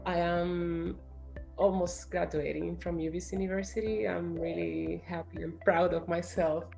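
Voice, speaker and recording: A woman's voice: fairly low pitch, steady tone, normal speed, vocal fry, darkish tone, soft background music. A woman student athlete giving an earnest, hesitant testimonial.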